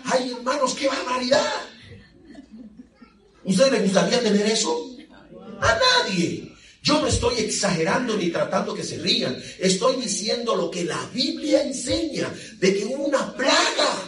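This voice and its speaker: A man's voice: very high-pitched, animated, moderate pace, a bit bright, distant mic. A man preaching a sermon, telling the story in a vivid, dramatic way with humor, recorded from afar in an echoey church hall.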